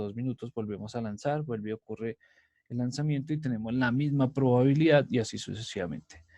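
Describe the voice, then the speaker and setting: Male math lecturer from Colombia, mid-pitched, repetitive and patient, dry close sound. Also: dark tone, dry recording. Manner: repetitive, many "entonces" and "¿sí?" checks. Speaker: math and physics teacher. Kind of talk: recorded lecture.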